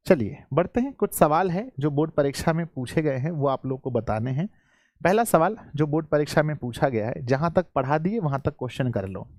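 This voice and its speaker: A male Hindi grammar teacher with a Bihari accent runs a live online class, constantly questioning his students, repeating key points, and often clearing his throat. His voice is a little high and a little mellow, and the studio sound is clean with no echo.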